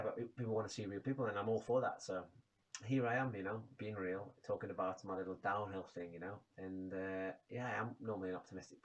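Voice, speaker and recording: A man rambling frankly and casually about his low mood, swearing freely. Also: a bit bright, far from the mic. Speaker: vlogger. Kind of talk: casual personal rant to camera.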